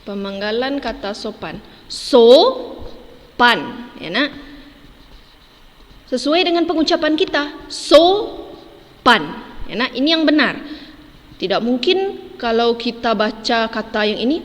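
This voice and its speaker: A woman's voice: a little high, animated, normal speed, long pauses, in a large hall. A woman teaching a children's lesson, patiently spelling words out syllable by syllable and tagging "ya, Nak" onto every phrase. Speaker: primary school teacher.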